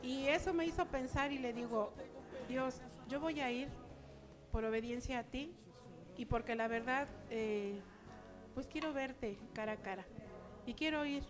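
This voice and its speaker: A woman's voice: high voice, a little slow, long pauses, over music. An older woman giving a chatty personal testimony to her church, acting out remembered dialogue.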